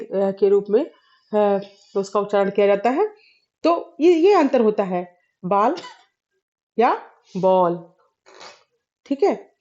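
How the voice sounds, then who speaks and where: Woman teaching hindi grammar, fairly high but mellow voice, lots of pauses and throat clearing, dull lo-fi sound. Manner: explains slowly with many fillers and pauses. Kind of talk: spoken grammar lesson.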